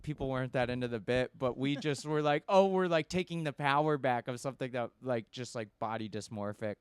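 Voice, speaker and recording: A man's voice: mid-range voice, brisk, smooth, dry recording, studio quality. A young man from Texas, a comedian guest chatting casually and laughing easily. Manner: easygoing, laughing, filler-heavy. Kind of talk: casual interview chat.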